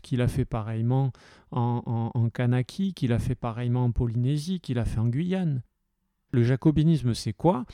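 Clean studio sound without echo captures a man whose first language is French, from the Occitan-speaking region in southern France. His voice is medium-pitched and warm as he speaks with passion and informality, hesitating and restarting frequently.

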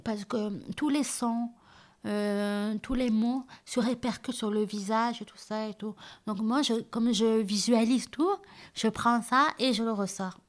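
A woman's voice: fairly high pitch, fairly even intonation, a little slow. Hesitant woman with a southern French accent. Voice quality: hard of hearing, lipreads. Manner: hesitant, many fillers and restarts. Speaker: interviewee. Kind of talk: casual interview.

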